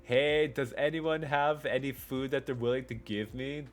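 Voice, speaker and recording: A man's voice: medium pitch, steady tone, moderate pace, soft background music, pitched above the performer's own voice, lightly acted. A man reading out the lines of a hungry, whiny teenage boy from a fan story.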